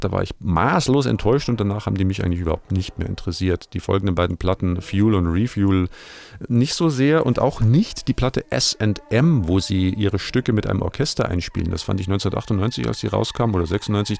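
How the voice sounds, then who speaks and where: Creaky-voiced middle-aged man hosting music radio. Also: on the low side, fast, darkish tone. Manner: self-ironic, digressive, colloquial. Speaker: radio music show host. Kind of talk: casual rambling music presenting.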